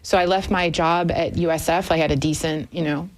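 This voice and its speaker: Fairly quick and steady in tone, a low-voiced German woman in her fifties talks as a radio show guest. She answers candidly and thoughtfully in a conversational studio interview, using plenty of fillers.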